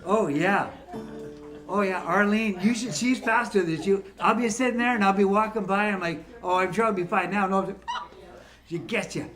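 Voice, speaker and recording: A musician in his fifties from Ontario, Canada, jokes and teases a senior audience between songs. His voice is high-pitched and a bit bright at a normal pace, with faint music behind.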